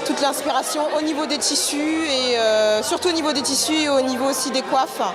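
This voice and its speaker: A woman in her thirties from France talks about her paintings in a casual, reflective way, often pausing to find her words. Her voice sits a little high. Clear music and a crowd carry on behind her. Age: 30s. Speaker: painter presenting her work. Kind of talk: casual self-presentation.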